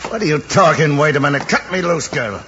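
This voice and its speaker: A man's voice: a little high, animated, fairly quick. An American actor playing a stubborn, scornful middle-aged father in an old-time radio western, with a blustering, defiant manner. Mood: scornful, impatient. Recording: muffled, noisy old radio recording.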